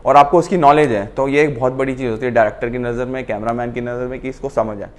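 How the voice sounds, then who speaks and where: A man's voice: mid-range voice, steady tone, fast, darkish tone. A man teaching acting to camera, explaining in a casual mix of Hindi and English and acting out lines to show his points. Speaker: acting coach.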